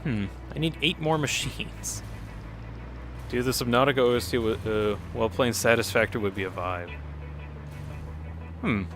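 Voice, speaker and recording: At normal speed and medium pitch, with long pauses, a man chats casually while streaming a game, rambling, responding to chat and chuckling often. His cold makes him a bit nasal. Game music plays underneath.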